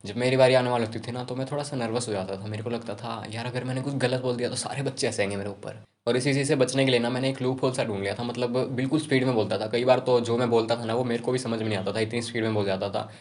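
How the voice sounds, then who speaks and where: A young man giving casual self-improvement advice to camera, talking rapidly and informally. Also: medium pitch, fairly even intonation, darkish tone, slight background noise. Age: young adult.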